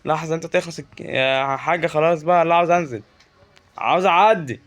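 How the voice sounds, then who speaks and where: Egyptian guy doing a lets play, quick chatty commentary, joking around, slightly high voice. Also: steady tone, fairly bright tone. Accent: Egyptian Arabic. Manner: chatty, joking, talks to the game's creatures. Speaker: gaming YouTuber. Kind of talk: casual Let's Play commentary.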